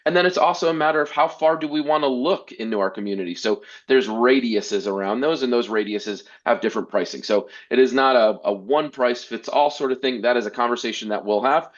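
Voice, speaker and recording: A man presenting a church-software webinar, talking earnestly with many restarts and repeated words. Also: medium pitch, brisk, few pauses, dull audio. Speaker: workshop presenter.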